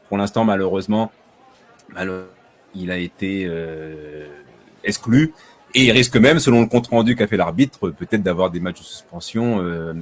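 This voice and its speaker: A man hosting a casual sports news podcast, chatty and full of hesitations, restarts and jokey asides to his listeners. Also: on the low side. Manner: hesitant, heavy fillers and restarts. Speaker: podcast host.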